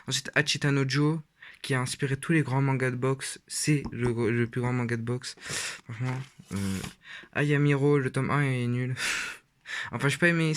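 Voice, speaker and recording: A teenage boy talks in a loose, casual way, stopping often on fillers and restarting his sentences. His pitch sits in an ordinary middle range for a young male voice. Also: a bit bright. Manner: rambling, hesitant with many fillers. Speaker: vlogger. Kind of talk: casual shelf tour.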